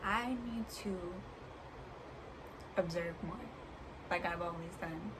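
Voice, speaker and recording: A woman speaking as a vlogger in a reflective personal monologue, earnest and halting, pausing between short phrases. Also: on the low side. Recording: clear background noise.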